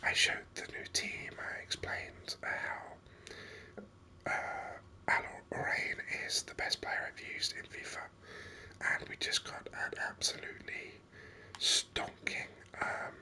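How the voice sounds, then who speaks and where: A gaming host, close-miked, murmurs ASMR commentary in a breathy whisper, reflective, unrushed and hesitant. The tone is sharp.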